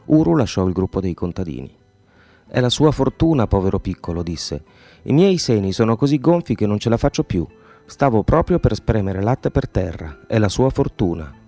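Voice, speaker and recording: Guy reading a story out loud, low voice but really lively, soft music in the back. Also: normal speed. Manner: expressive, voices the villagers' lines with raised pitch. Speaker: audiobook reader. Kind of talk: reading a novel aloud.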